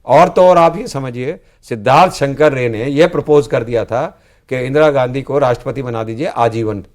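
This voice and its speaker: Here a political guest, an older man who once led students and is now a senior politician, explains past events in a studio discussion. He talks at a moderate pace in a mid-range voice, earnest throughout, and keeps finishing with "जी".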